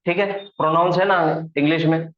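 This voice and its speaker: A man's voice: on the high side, steady tone, fairly quick. Man teaching grammar in an echoey room. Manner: patient, repeats each point, mixes in English terms. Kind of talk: classroom lesson explaining grammar at a board. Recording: echoey room, dull lo-fi sound.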